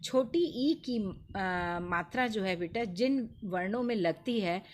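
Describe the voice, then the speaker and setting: A woman teaching young children in a video lesson, her voice pitched at an ordinary middle level. She is patient and repeats words slowly, leaning on each sound so the children can follow. Her voice is close to the mic. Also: lively intonation, a little hiss or hum. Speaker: Hindi teacher.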